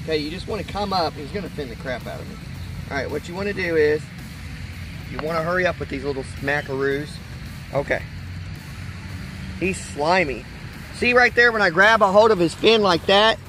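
By a park pond, a high-voiced American dad fishing with his family talks to vlog viewers in a folksy, chatty way at a normal speed, leaving long pauses. The handheld phone sits a few feet off, capturing outdoor ambience and music in low-quality sound.

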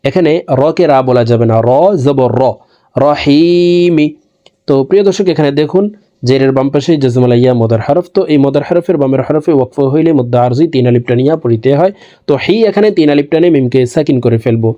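In this spelling-out Quran lesson, a Bangladeshi Bengali-accented man recites slowly, stretching each syllable and repeating sounds patiently so students can imitate him. His mid-range voice is mellow and quick-paced, and the audio is dull.

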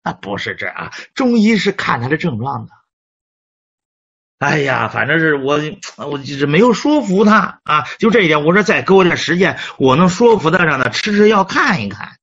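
A man's voice: a little high, sing-song, normal speed, a bit bright, husky. A middle-aged man, a Chinese medicine teacher telling a clinic story in a lecture, often repeating and restarting words. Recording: dull lo-fi recording.

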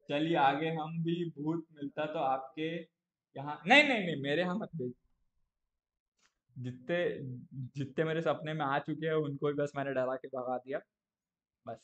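A young man with a slightly high voice chats casually to his live-stream audience from a home setup. He tells stories in an animated way and keeps turning to his viewers to check they are following. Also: dull audio.

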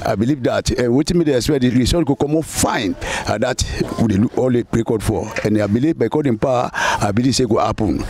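A man's voice: medium pitch, a little fast, hardly any pauses, a little mellow. A middle-aged man with a Sierra Leonean Krio accent, answering outdoors on a street, hesitant and repeating himself. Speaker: interviewed community member. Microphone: handheld mic held by interviewer.

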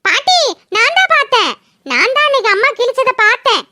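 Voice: very high-pitched, big pitch swings, a little fast, pushed and bright, a little hiss or hum, heavily acted. An adult performer voicing a cheeky, insistent little boy in a cartoon. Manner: pert, insistent. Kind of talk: cartoon voice acting.

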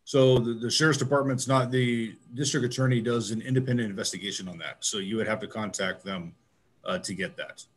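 A man's voice: on the low side, fairly quick, breathy edge. A man reporting to a city committee as police chief, plain and direct with many fillers. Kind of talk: spoken report at a public meeting. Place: council chamber.

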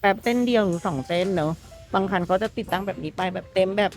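A woman's voice: mid-range voice, quick pace, faint music behind. A woman presenting a walkaround of a customized truck at a workshop. She talks in a chatty, enthusiastic, polite way. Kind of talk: walkaround vehicle showcase.

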